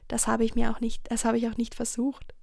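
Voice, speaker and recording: A woman reading a children's story aloud in a soft, slow whisper, with small slips and restarts. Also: fairly high pitch, completely flat delivery, creaky, no echo, clean studio sound.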